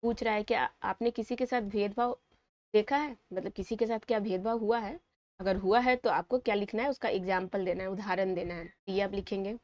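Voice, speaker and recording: A woman's voice: medium pitch, fairly even intonation, fairly quick, darkish tone, highs cut off. A woman teacher with a Bihari Hindi accent explaining a school lesson, repeating points and checking in with her students. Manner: repetitive, coaxing, checks with "ठीक है".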